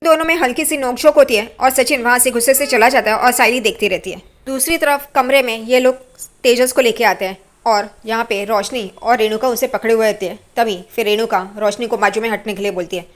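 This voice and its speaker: A woman narrating a casual retelling of a TV serial episode, moving briskly from scene to scene and quoting each character. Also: on the high side. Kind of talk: casual story recap narration.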